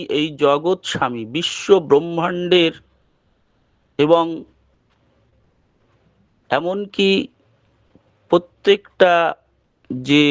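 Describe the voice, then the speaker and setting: A man with a Bengali accent giving a devotional talk, explaining slowly and patiently. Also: fairly high pitch, dry recording. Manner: slow, measured, explaining patiently. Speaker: preacher. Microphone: online meeting audio. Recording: dull lo-fi call audio.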